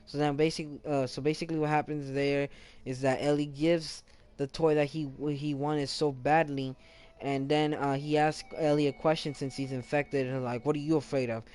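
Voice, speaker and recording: Young guy recapping a video game, rambly, keeps correcting himself, smooth clear voice. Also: a little high, little pitch movement, normal speed, a little mellow. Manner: rambling, many self-corrections and restarts. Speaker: gaming channel host. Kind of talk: casual game story recap.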